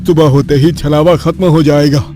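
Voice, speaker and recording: A man voicing a frightened older villager in an animated horror story, giving an urgent warning. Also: fairly high pitch, moderate pace, music in the background, voice pushed up, lightly acted.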